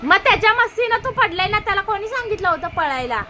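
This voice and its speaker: Sharp-tongued scolding woman, very high voice. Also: sing-song, quick pace, noisy background. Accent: Marathi. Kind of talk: scripted family comedy, scolding.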